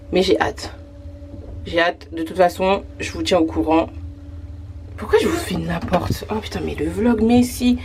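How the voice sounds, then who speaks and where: Hurried woman vlogging on a noisy street. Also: fairly low pitch, a little mellow. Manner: hurried and exasperated, mixes in English phrases. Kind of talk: casual day-in-my-life vlog chat. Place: outdoors on city streets and at a bus stop. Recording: street noise and passing vehicles behind.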